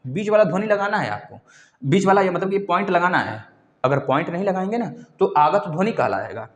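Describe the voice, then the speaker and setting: A man teaching Hindi grammar in an exam-prep lecture, repeating key words and quizzing his students, calling them "beta". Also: fairly high pitch. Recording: echoey room.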